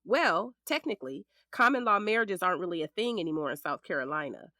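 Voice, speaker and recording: A woman with a fairly low voice talks fast and animatedly, bright and forceful, in a dry, studio-quality recording. She's an actress in a naturalistic scripted audio drama, playing a frank, sassy middle-aged lawyer who protects the ex-husband she represents as his ex-wife. Her mood is measured and matter-of-fact.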